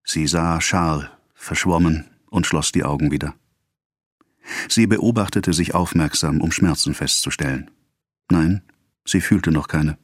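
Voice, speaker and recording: An audiobook narrator with a deep voice reads a classic novel from a script, going a little slowly with a breathy edge. The recording is dry, with clean studio sound.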